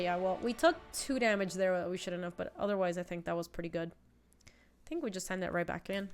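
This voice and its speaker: Congested with a cold, a young woman keeps up casual live-stream commentary as she plays a card game and responds to chat. She's indoors in her home streaming room. Her medium-pitched voice comes with a little hiss or hum in the recording.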